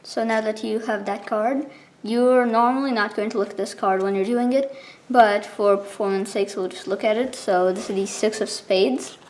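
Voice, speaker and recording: A woman explaining something step by step in a casual, informal tutorial style, with halting pauses between steps. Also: mid-range voice, fairly even intonation, a little mellow. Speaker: card trick tutorial presenter.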